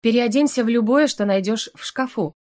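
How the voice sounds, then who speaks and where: A woman's voice: a little high, a little fast, darkish tone, voice pushed up, close to an everyday voice. A woman reading the lines of a teasing, seductive male incubus professor in an audiobook, with a purring, playful manner.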